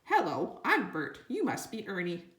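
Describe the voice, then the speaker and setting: A woman voicing an excitable four-year-old boy who puts on sing-song character voices. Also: mid-range voice, measured pace. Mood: chirpy. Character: excitable little boy of four, playful show-off. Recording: roomy echo.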